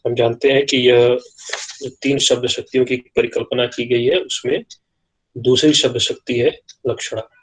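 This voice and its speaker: A man's voice: medium pitch, rough recording. A man lecturing on literary theory in an online class, explaining concepts step by step in a teacherly way. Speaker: college lecturer.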